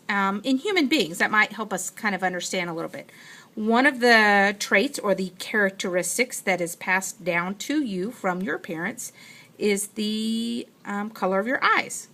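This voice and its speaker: A woman's voice: mid-range voice, animated, unhurried, pushed and bright. A woman teacher giving a patient, explanatory science lesson, talking through what she writes as she goes. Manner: patient, explanatory, thinks aloud while writing. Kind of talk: classroom lecture.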